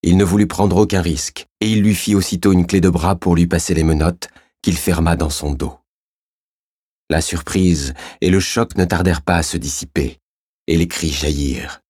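A man reading a crime novel aloud as an audiobook narrator, in steady, measured scripted narration. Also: deep voice, slightly rough, dry recording, studio quality.

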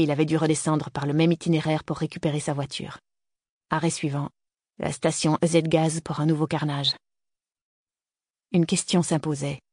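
A man's voice: a little high, a little mellow, dry recording. Man reading an audiobook, dry sound. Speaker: audiobook narrator. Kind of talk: scripted narration.

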